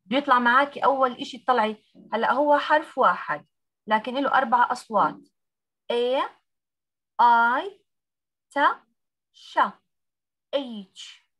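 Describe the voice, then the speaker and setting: A woman's voice: on the high side, brisk, a bit bright. A woman, teaching English pronunciation on a video call and drilling letter by letter. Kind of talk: online class teaching.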